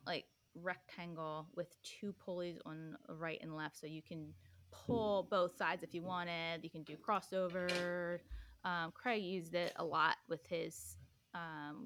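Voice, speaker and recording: Youngish woman guest, lowish voice, loose rambly chat full of likes and ums, dry close sound. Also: a bit bright, no room sound. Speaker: podcast guest. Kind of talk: casual chat.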